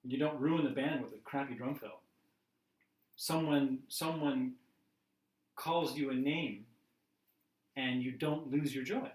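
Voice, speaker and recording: A man's voice: mid-range voice, takes it slowly, long pauses, a little mellow. A man teaching a class in a chatty, laughing way, acting out everyday scenes as examples. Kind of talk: casual teaching talk. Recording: roomy class recording from a distance.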